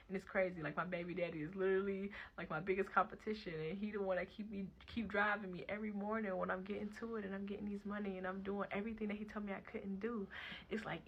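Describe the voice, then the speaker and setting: A woman's voice: lowish voice, gravelly, fairly bright tone. A young woman telling her own story in a casual storytime vlog, candid and emphatic, with slangy talk and free swearing. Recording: slightly dull lo-fi audio with faint background hiss.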